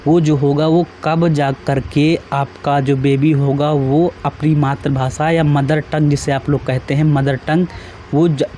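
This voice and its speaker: A man's voice: on the high side, a little mellow, slight background noise. A man, teaching an exam-prep lesson in a casual, repetitive way and often checking that students follow. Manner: repetitive, asks students questions, adds tag questions.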